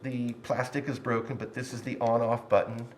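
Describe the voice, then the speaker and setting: A man's voice: mid-range voice, flat delivery, moderate pace. Guy talking thru a face mask giving a shop walkthrough, bit muffled, super echoey room, mic far off. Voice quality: slightly muffled, speaking through a face mask. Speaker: makerspace shop instructor. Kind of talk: informal spoken orientation, explaining rules and equipment. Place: indoor woodworking shop. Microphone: distant microphone. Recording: very echoey workshop, distant mic, faint noise.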